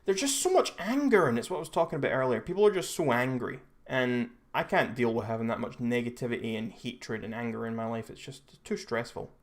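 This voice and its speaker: A man's voice: medium pitch, lively intonation, a little fast, few pauses. A young Scottish man hosting a live stream, chatting casually and rambling with frequent restarts and self-corrections. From Scotland. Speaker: livestream host.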